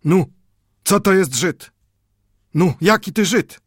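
Man doing an old bookbinder grandfather, Yiddish-inflected, raised and insistent, husky voice, storybook reading. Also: sits high, lively intonation, no echo, clean studio sound, pitched above the performer's own voice, exaggerated voice. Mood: pleading. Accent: Yiddish-inflected Polish. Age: over 60. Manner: emphatic, repetitive scolding with drawn-out exclamations. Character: old male bookbinder grandfather, stern yet tender.

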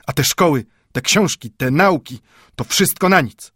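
Man doing an old bookbinder grandfather, Yiddish-inflected, raised and insistent, husky voice, storybook reading. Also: on the high side, sing-song, no echo, studio quality, voice pushed up, full character voice. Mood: scolding. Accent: Yiddish-inflected Polish. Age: over 60. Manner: emphatic, repetitive scolding with drawn-out exclamations. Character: old male bookbinder grandfather, stern yet tender.

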